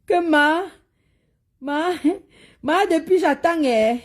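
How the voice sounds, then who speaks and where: Woman mimicking a whiny pleading scammer. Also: slow pace. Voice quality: high whiny repeated pleas.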